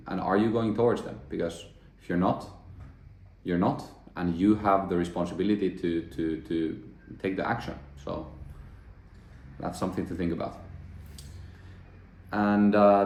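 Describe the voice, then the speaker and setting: Guy talking to camera, low voice, kinda thinking out loud, echoey room. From Finland. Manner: earnest, thinking aloud with frequent restarts. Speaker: self-development vlogger. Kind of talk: reflective monologue to camera.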